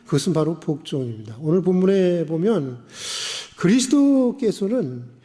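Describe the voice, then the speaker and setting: Male pastor preaching in a church, high mellow voice, big echoey hall, asks the crowd questions. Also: lively intonation, normal speed. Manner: preaching with rhetorical questions to the congregation; swings from emphatic raised phrases to quiet drops. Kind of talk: sermon. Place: church sanctuary. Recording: long church reverb.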